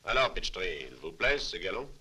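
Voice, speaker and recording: An actor playing a confident, composed army captain in a dubbed film, with a brisk, authoritative manner. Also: male voice, low-pitched, big pitch swings, pushed and bright, a little hiss or hum, heavily acted, poor audio. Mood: brisk, assured. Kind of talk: French film dub acting. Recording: film soundtrack with music behind.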